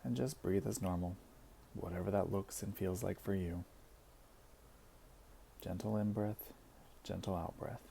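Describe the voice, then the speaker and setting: In this body scan meditation, a man speaks softly and calmly, leaving intentional pauses after each phrase. His voice is deep and mellow with a clear fry to it, and faint noise can be heard in the recording.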